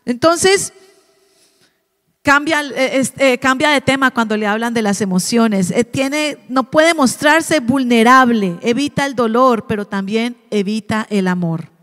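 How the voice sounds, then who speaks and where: A woman preaching at a family service, talking in a lively way and asking the congregation questions. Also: a little high, a little slow. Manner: lively, asks the congregation questions and acts out parents. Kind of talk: interactive sermon on parenting. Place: church hall. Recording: long church hall reverb.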